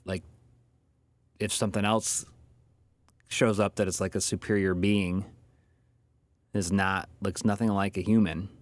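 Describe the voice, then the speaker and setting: A man co-hosting a podcast in casual chat, halting and hesitant, with lots of fillers. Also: on the low side, little pitch movement, dry recording. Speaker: podcast co-host.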